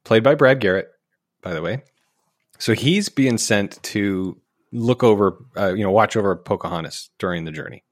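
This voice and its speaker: A man's voice: on the low side, normal speed, no echo, studio quality. A man co-hosting a podcast, casually retelling a movie plot with jokey asides. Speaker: podcast co-host. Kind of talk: casual movie recap chat.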